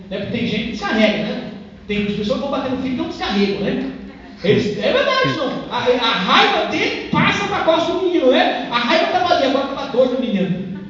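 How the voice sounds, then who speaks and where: A Brazilian pastor, a man with a very high, bright voice, preaches at a quick clip. He talks to the congregation in a passionate, conversational way. He is heard from a distance in a long-echoing church hall, and the sound is dull. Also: a little hiss or hum. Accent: Brazilian Portuguese. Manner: impassioned, conversational preaching with direct address. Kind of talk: sermon.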